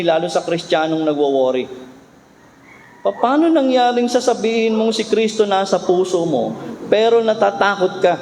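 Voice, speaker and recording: Animated pastor preaching. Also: male voice, high voice. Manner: emphatic, animated preaching with rhetorical questions. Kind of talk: sermon. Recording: reverberant hall with faint hum.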